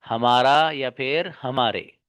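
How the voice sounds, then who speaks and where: A man's voice: medium pitch, takes it slowly, a bit bright, dry recording. A man teaching English grammar in an explanatory lesson, often repeating key terms and asking rhetorical questions, fondly calling his listeners "babu". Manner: addresses listeners affectionately as 'babu'.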